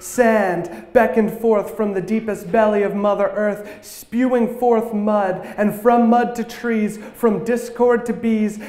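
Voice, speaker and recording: A high-voiced, slightly mellow man performs a sermon as slam poetry, delivering rhythmic, rhyming bursts to a congregation in a church hall. The room lends the sound a noticeable echo.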